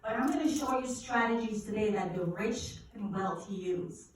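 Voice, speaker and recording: With medium pitch and ordinary pacing, a woman from Guyana leads a spirited, preacherly money seminar at church, prompting her listeners to call back answers. She teaches finance for a living. Slight background noise accompanies the faraway, echo-heavy capture of the big hall.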